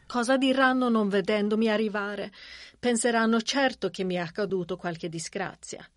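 A meek, pious Swedish lady whose high, plaintive voice quavers near tears, as a man reading an audiobook puts her on. The recording is dry and close. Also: moderate pace, no echo. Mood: tearful. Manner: plaintive, tearful. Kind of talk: audiobook character voice.

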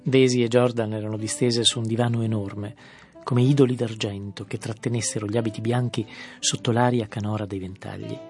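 A man reads a literary audiobook in a low, measured voice, often dropping soft and quiet. Gentle music plays faintly beneath his narration. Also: level tone.

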